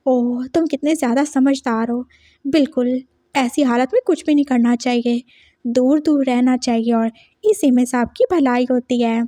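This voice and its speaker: Woman doing a doting bossy young doctor, coaxing, patronizing, high and dry. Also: moderate pace, mellow, no echo, natural voice.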